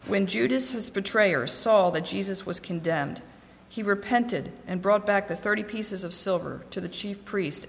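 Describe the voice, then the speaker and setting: A woman reading scripture aloud in a steady, clear voice. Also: fairly low pitch. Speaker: scripture reader. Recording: long echoing reverb.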